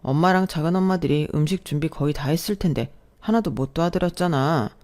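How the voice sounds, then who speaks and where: A woman putting on a touchy young boyfriend who answers sharply and then backpedals into defensive pleading. The voice is warm and mellow, with no deep shift, like a line in an audio drama. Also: fairly quick, natural voice.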